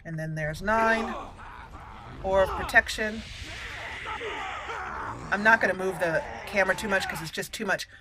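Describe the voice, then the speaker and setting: This gaming channel host speaks in a mid-range voice, unhurried and pausing often, as she thinks aloud through casual play-by-play of each move. Game music and other background noise can be heard.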